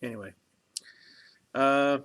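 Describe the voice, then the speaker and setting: A man in his early fifties hosts a casual livestream, reading viewer comments and chatting in a rambling, reflective way full of fillers and restarts. His medium-pitched voice is fairly bright and unhurried, with slight background noise.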